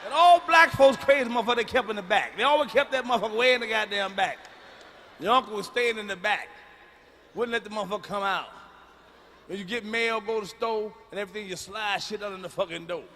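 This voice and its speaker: A man doing a stand-up comedy set, telling loud, profane stories and now and then breaking into sudden hollers. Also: sits high, quick pace, slight background noise. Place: comedy stage before a live audience. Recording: live hall recording with reverb.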